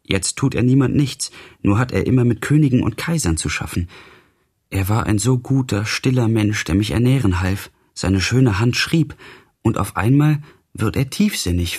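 A man's voice: darkish tone, husky. A man voicing a careworn, pious old mother in an audiobook reading, in a sorrowful, lamenting manner. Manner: lamenting, pleading, pitched up.

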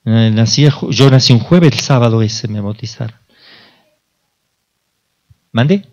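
Un sacerdote de Argentina que da una plática informal, le hace preguntas al público y recrea diálogos. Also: male voice, medium pitch, unhurried, a little mellow, highs cut off. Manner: conversational, asks the audience questions, acts out dialogues. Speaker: priest. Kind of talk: informal sermon talk.

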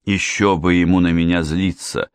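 A man's voice: sits low, fairly even intonation, moderate pace, clear, resonant tone, dry recording, studio quality. A man reading a melodramatic grieving widow. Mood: bitter. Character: theatrical grieving widow, dramatic and self-pitying.

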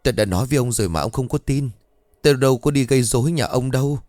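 A man's voice: medium pitch, lively intonation, rapid-fire, darkish tone, no room sound, studio quality, pitched above the performer's own voice, natural voice. A man voicing a panicked middle-aged market woman who stammers and pleads as she talks. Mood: agitated.

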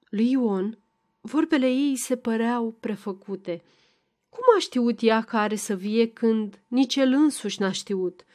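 A woman reading a classic novel aloud as a volunteer audiobook narrator, in a measured, even storytelling manner. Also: on the high side.

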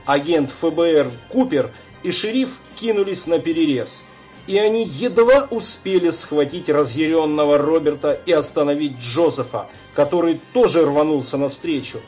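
A man narrating an audiobook in a measured, unhurried reading. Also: a little high, lively intonation, a little mellow, soft background music. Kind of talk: scripted narration.

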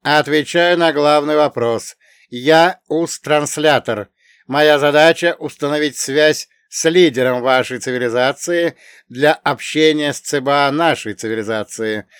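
A man voicing a female crystal AI translator, speaking in an even, almost metallic, formal way. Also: on the high side, clean tone, no room sound, studio quality, pitched above the performer's own voice. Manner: formal, measured announcements.

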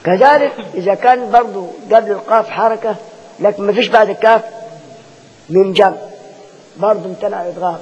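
A high, husky-voiced man with an Egyptian accent lectures on recitation rules. He drills his students by asking rhetorical questions and repeating each point. The recording is dull and lo-fi, with a long reverb from a large hall. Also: fast talker, long pauses, a little mellow. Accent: Egyptian Arabic. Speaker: Quran recitation teacher.

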